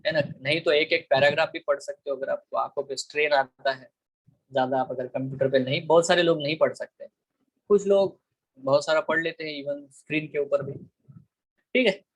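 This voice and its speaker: An Indian man with a slightly raised pitch leads an online biology class. He moves between Hindi and English in a coaxing teacher's manner, calls students "beta" and keeps checking whether they are clear. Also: rough recording. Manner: asks the class frequent check questions.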